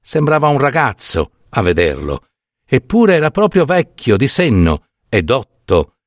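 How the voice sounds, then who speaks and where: Guy reading a short story out loud, very expressive, lively up and down voice, dry close mic. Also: mid-range voice, a little slow, no room sound. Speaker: narrator. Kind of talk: scripted narration of a short story.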